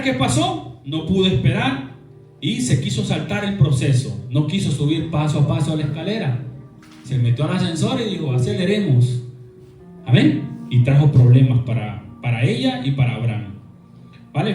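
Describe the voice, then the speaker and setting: A man's voice: high-pitched, a little mellow, far from the mic. A man preaching a sermon who asks the congregation to repeat his words and acts out complaining voices in quotes. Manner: call-and-response, asking the congregation to repeat. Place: church hall. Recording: echoey room, voice from off-mic.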